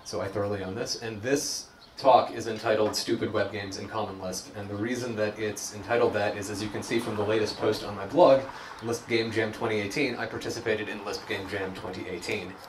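A young man talking through a live code demo in a loose, self-deprecating way, full of ums and restarts. His voice sits a little low. He is heard from across an echoey meeting room with a faint hum of noise behind him. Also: steady tone, fairly quick, recorded from a distance. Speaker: presenter giving a tech meetup talk. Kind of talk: casual live demo talk. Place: meeting room at a hack night.

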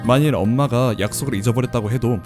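A man voicing a gentle young girl devoted to her father, reading game dialogue in a soft, earnest way. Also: mid-range voice, fast talker, over music, natural voice.

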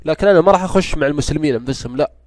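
A man's voice: a little high, very fast, no room sound. A man with a Saudi accent and a stuffy nose from a cold, rambling and grumbling through casual gameplay commentary as a gaming YouTuber. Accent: Saudi Gulf Arabic. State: congested, stuffy-nosed from a cold.

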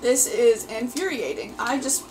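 A woman reacting live to her gameplay, excitably pleading and yelling at the screen, with faint game music behind her. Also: on the high side, unhurried. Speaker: gameplay video host. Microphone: desk mic.

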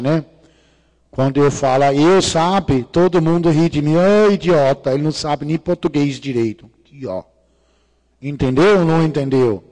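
Slightly high and slightly mellow, the voice is that of a middle-aged Danish lecturer talking in Portuguese, his accent clearly Danish. He keeps the conference talk jokey and irreverent, swearing offhandedly and slipping on grammar as non-natives do. The hall is large and reverberant.

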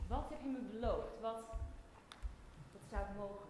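A woman's voice: fairly high pitch, normal speed, darkish tone, natural voice. A teenage girl in a school play voicing an insistent male Greek warrior who demands a token. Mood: coaxing. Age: late teens. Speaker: student actor. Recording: echoey hall, faint noise.

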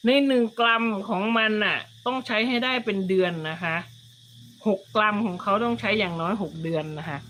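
A woman hosts a casual livestream in a mid-pitched voice. She rambles from one personal story to the next in a chatty, informal way, pausing to read out viewer comments as she goes. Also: fairly bright tone. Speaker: livestream host.

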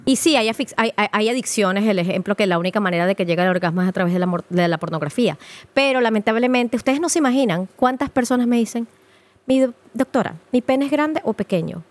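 A woman, a sexologist guest on a podcast, giving frank, playful advice in an animated, teasing way. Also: mid-range voice, fast, no room sound. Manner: animated, teasing, says "mi amor".

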